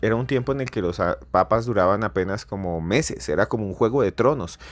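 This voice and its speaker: A man hosting a podcast, telling a story with theatrical, repetitive build-ups that swell to near-shouting. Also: on the low side, animated, fairly quick, no echo. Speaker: podcast host. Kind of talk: dramatic storytelling narration.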